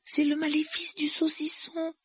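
Bossy clever girl, read by a man: high falsetto, clipped and insistent. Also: dry recording, faint music behind. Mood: rueful. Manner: brisk, insistent.

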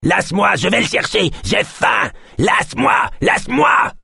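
A man voicing a small, wild, hungry man who shouts in a shrill, frantic voice in an audiobook. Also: sing-song, measured pace, creaky, breathy edge, no room sound, clean studio sound, heavily acted.

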